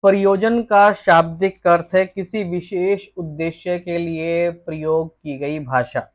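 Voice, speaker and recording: A woman tutor leads an exam-prep lesson. She reads each question aloud, then gives a formal, textbook-style answer. Her delivery is steady and measured throughout. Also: fairly low pitch.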